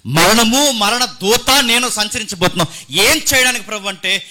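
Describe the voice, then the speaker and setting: ప్రసంగం చేస్తున్న మధ్యవయస్కుడైన పాస్టర్, ఒక్కసారిగా బిగ్గరగా, మళ్లీ మెల్లగా మారుతూ నాటకీయంగా బోధిస్తాడు. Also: male voice, high voice, normal speed. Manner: dramatic preaching with sudden loud and soft swings. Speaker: pastor. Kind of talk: Telugu sermon.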